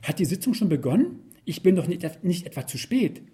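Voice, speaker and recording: A man's voice: sits high, big pitch swings, brisk, dark tone, breathy edge, exaggerated voice. A man voicing a cheerful, overeager woman starting a new job, in a storybook reading. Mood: giddy. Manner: bubbly, overeager.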